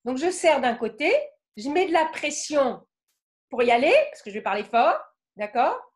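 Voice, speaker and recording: A French woman giving a lively talk on the voice, acting out emotions with sudden vocal bursts and often checking in with her audience. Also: sits high, normal speed. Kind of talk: lively spoken lecture with demonstrations.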